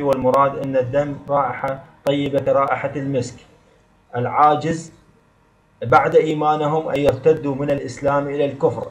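A male teacher giving an exam review lesson, reading definitions and examples from his notes in a steady, listing way. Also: mid-range voice. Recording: slightly dull lo-fi sound.

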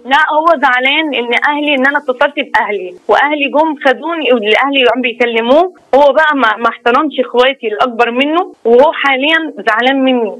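Egyptian woman caller on a phone line, high bright voice, talks super fast and pleading. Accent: Egyptian Arabic. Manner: rushed, pleading, repetitive. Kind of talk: phone-in call, emotional complaint.

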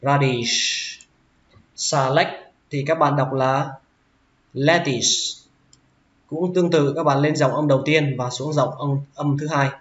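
A man teaching English vocabulary, who says each word slowly and repeats it several times. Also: a little high, fairly even intonation. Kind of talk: vocabulary lesson. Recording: roomy, dull lo-fi sound.

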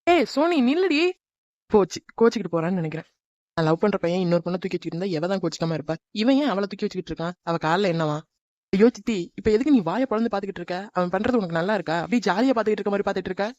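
A woman voicing a sharp-tongued, jealous young woman in a cartoon, scolding and sarcastic. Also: medium pitch, racing, no room sound, dull audio, close to an everyday voice. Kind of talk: animated cartoon dub.

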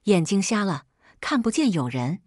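A woman's voice: mid-range voice, big pitch swings, moderate pace, darkish tone, no room sound, clean studio sound. A woman voicing a domineering, hot-tempered middle-aged mother who scolds shrilly in a raised voice. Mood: furious scolding.

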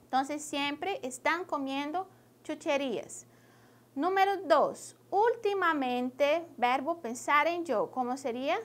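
A woman with a Brazilian Portuguese accent, a native Portuguese speaker, teaching a Spanish lesson slowly and checking understanding with a rising question. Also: high-pitched. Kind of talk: classroom lesson.

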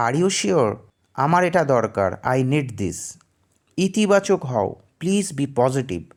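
Male English teacher, slow, sing-song phrase-by-phrase reading for learners. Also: mid-range voice, very animated. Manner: says each Bangla phrase, then its English translation slowly.

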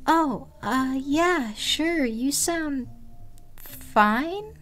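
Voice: high voice, expressive, very slow, a bit bright, pitched above the performer's own voice, exaggerated voice. A creator using a voice changer to play a shy, hesitant fifteen-year-old decoy who stammers and trails off. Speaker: host posing as a teen.

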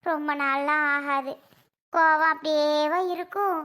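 A woman's voice: high voice, fairly even intonation, unhurried, pushed and bright. A woman voicing a loving mother who tenderly consoles her grown son. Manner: tender, coaxing.

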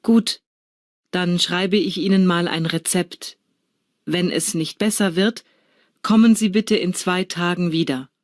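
A woman acting a polite, businesslike doctor in a scripted language-exam dialogue, speaking clearly. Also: lowish voice, fairly even intonation, measured pace, no room sound, studio quality, natural voice. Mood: polite, attentive. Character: female doctor, polite and businesslike, seeing a patient.

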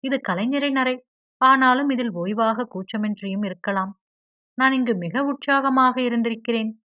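A woman's voice: medium pitch, normal speed, dry recording, close to an everyday voice. A woman reading the lines of a teasing, wry young man in an audiobook, with a light, lifted delivery. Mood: cheerful. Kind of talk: audiobook character dialogue. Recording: dry, slightly dull audio.

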